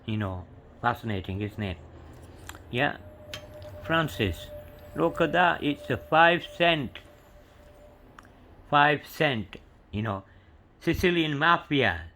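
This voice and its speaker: A coin collector meanders through a show-and-tell, full of "you know" and "yeah," spelling inscriptions out letter by letter. His medium-pitched voice is bright and forceful with lively intonation, and he speaks slowly with long pauses. There's slight background noise.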